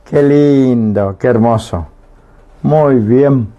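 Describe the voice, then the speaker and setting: Slow, patient man teaching a language. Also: medium pitch, mellow, dull audio. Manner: patient, checks understanding with repeated questions. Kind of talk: radio language lesson. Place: radio studio.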